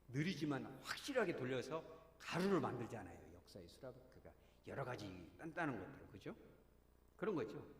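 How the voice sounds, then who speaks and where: A male pastor preaches with a very lively, swooping voice that sits a little high for a man. He keeps putting questions to the congregation and briefly acts out the people he talks about. The sound rings through a large, echoing church hall. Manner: animated preaching, acting out quoted voices, asking the congregation questions. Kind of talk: sermon. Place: church sanctuary.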